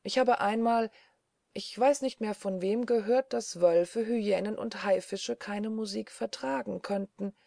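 A brooding male assistant with a dark, wistful way of speaking, as a woman reads him aloud. His voice has a gravelly edge and a mellow warmth. The sound is dry and close, like a storybook reading. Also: mid-range voice, measured pace, no echo, voice pushed up. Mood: wry. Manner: musing, darkly wistful. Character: brooding eerie male assistant, gloomy dreamer.

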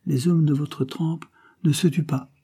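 A man's voice: fairly high pitch, steady tone, unhurried, mellow, husky, pitched above the performer's own voice. A man reading an audiobook, voicing a scornful, domineering creole woman who talks in a cold, mocking tone. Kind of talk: audiobook character voice.

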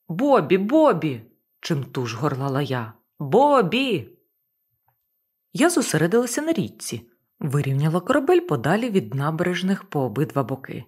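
A woman reads a first-person novel aloud as an audiobook, in a low, husky voice. Her intonation rises and falls widely, giving the narration an expressive lift. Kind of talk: audiobook reading.

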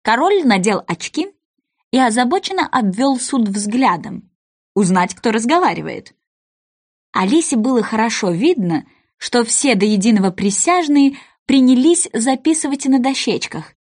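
Woman, storybook narrator, playful, expressive, slightly high, lively pitch. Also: moderate pace.

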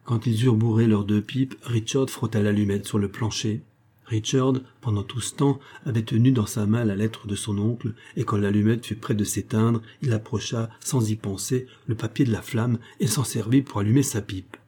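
Husky, dark-voiced male narrator. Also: on the low side, steady tone, moderate pace. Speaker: audiobook narrator. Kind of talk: scripted narration.

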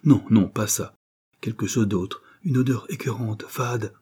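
A man reading a novel aloud, voicing a refined young woman who gently scolds and pleads with her fiancé. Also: lowish voice, a little slow, husky. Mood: reproachful. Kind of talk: audiobook character reading.

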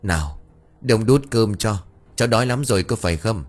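A man playing a kindly, stubborn village man near fifty who coaxes a child gently and bickers with his wife. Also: on the low side, animated, fairly quick. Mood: coaxing.

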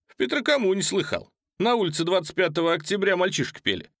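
Man doing a bold, shouting defiant singer. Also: high-pitched, big pitch swings, quick pace, no room sound, clean studio sound, voice pushed up, heavily acted. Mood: mocking. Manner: loud, commanding shouts. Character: bold defiant male singer, commanding and mocking.

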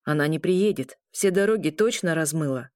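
A woman's voice: low-pitched, expressive, moderate pace, darkish tone, no room sound, clean studio sound. A woman voicing an injured, cocky young man who groans and complains of pain. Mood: calm.

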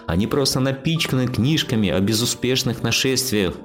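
A man's voice: mid-range voice, lively intonation, normal speed, a bit bright, faint music behind, pitched above the performer's own voice, close to an everyday voice. A man voicing a stubborn, bookish Martian man who argues earnestly and lectures his accuser.

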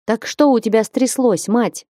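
A woman voicing a bold, strapping young northern warrior woman who speaks loudly and bluntly in an audiobook. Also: on the high side, expressive, measured pace, no room sound, clean studio sound, voice pushed up. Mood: friendly. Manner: loud, hearty and blunt.

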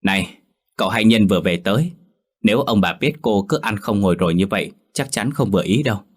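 Một người đàn ông lồng giọng cô hầu gái trẻ ghen tuông, nói giọng mỉa mai, thách thức. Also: male voice, lowish voice, lively intonation, quick pace, slightly rough. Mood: snide. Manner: mocking, defiant. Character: jealous scheming young maidservant.

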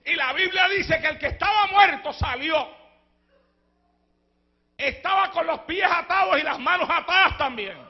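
A man preaching a fervent Pentecostal sermon as pastor, moving between shouted lines and hushed storytelling and breaking into speaking in tongues. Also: very high voice, measured pace, long pauses. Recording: dull lo-fi church recording.

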